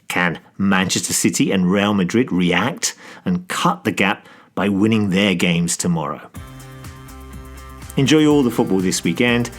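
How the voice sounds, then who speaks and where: A man with a lowish voice presents a scripted football English lesson. He speaks in a measured way and explains each phrase as he goes. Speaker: podcast co-host.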